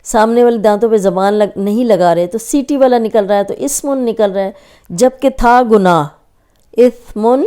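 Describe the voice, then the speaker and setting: Smooth-voiced woman teaching Quran recitation. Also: mid-range voice, warm tone. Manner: patient explaining, drawing out letter sounds to demonstrate. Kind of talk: recorded tajweed lesson.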